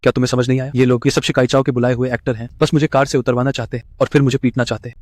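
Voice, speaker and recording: An actor playing a calm, commanding young fighter hero in a dubbed short drama. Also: male voice, mid-range voice, very fast, close to an everyday voice. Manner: cool, commanding.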